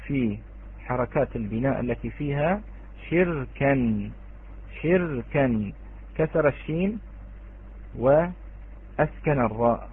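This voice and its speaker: A man teaching Quranic readings in an online lesson, speaking slowly, repeating key words and addressing his students directly. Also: medium pitch, breathy edge. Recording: tinny phone-like online call.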